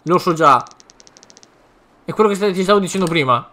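A man's voice: high voice, expressive, moderate pace, pushed and bright. A man reading as a knowing informant boy. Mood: matter-of-fact.

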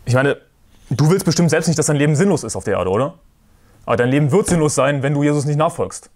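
A man preaching a sermon in a forceful, combative way, repeating his points and references. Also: on the high side, lively intonation, fast.

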